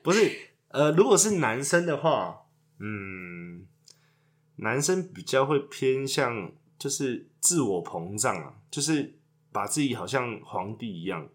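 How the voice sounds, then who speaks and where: A man's voice: medium pitch, big pitch swings, a little slow. A man, co-hosting a casual chat and trading crude jokes. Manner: joking, crude banter. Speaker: podcast co-host.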